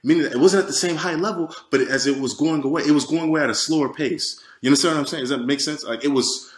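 Earnest man giving a halting testimony. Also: fairly high pitch, reverberant. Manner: earnest, halting retelling with many restarts and fillers. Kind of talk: personal testimony.

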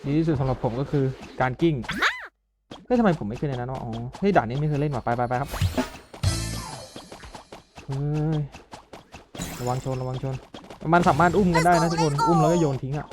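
A man giving excited commentary on a mobile party game, often calling out and exclaiming. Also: a little high, a little fast, pauses often. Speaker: gaming YouTuber. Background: game music.

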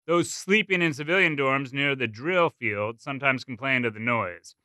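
Guy narrating a short story, really bright clear voice, measured and expressive. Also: medium pitch, no room sound. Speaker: story performer. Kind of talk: scripted narration.

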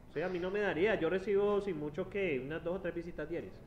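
Guy teaching a uni class, kinda high voice, jokey, keeps asking "right?", muffled lo-fi recording. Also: fast talker, slight background noise. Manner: chatty, teasing, asks "¿sí?" constantly. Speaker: university lecturer. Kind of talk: classroom lecture. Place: university classroom.

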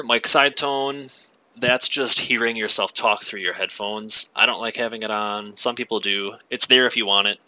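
Bright-voiced young man on a headset. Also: lowish voice, low-quality recording. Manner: relaxed, rambling, frequent fillers. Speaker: gaming channel host. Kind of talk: casual tech walkthrough. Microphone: gaming headset mic.

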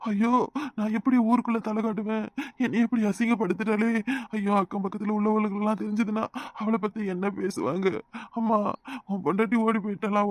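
A distraught grown village son from a cartoon, voiced by a man, pleading with a Tirunelveli Tamil accent. His voice is rather high for a man, and the recording is close and dry. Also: dry recording, lightly acted. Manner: pleading, despairing.

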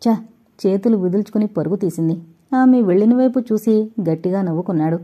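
A woman narrating an audio novel in a steady, expressive reading style, on a dull lo-fi recording. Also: mid-range voice, fast talker, slightly rough. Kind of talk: scripted story narration.

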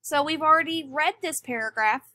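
A woman teacher giving a recorded lesson, speaking deliberately and stressing key words. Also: sits high, pushed and bright. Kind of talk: recorded classroom lecture.

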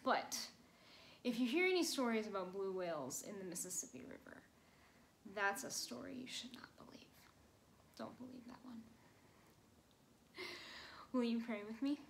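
Young woman doing a kids sermon at home on her phone, kinda high voice, gentle storytelling, faint background hiss. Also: expressive, normal speed, long pauses, low-quality recording. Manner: gentle storytelling to children, playful exaggeration. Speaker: children's sermon leader. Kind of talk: children's sermon. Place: small bedroom at home.

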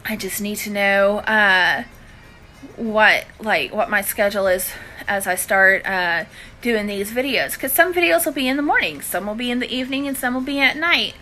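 In a low-quality recording with faint music behind her, a Louisiana woman in her thirties with a Southern US accent talks informally to live viewers of her cooking and budgeting stream, phone held at arm's length in her living room, using affectionate endearments. Her mid-range voice is bright, forceful and lively in intonation, at a moderate pace.

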